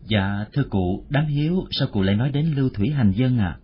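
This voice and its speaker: A man's voice: mid-range voice, expressive, fairly quick, a little hiss or hum, lightly acted. A man voicing a humble young wandering musician who speaks politely and with deference. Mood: polite, earnest. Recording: muffled lo-fi audio.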